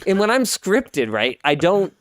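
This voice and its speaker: A man's voice: high voice, sing-song, measured pace, no echo, clean studio sound. A man in his thirties from Canada, hosting a casual podcast, who rambles and repeats himself as he talks. He says he has a Pacific Northwest way of speaking. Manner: rambling, self-interrupting, repeats words. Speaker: podcast host.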